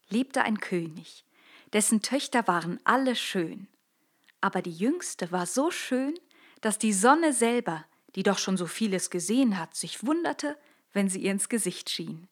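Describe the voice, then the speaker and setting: A woman narrating a classic fairy tale with expressive storytelling. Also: medium pitch.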